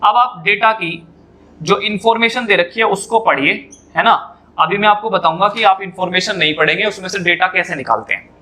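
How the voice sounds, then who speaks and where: A man's voice: high-pitched, moderate pace, bright, forceful tone, slight background noise. A man teaching a reasoning lesson at a whiteboard, explaining step by step, repeating key points and putting questions to his students.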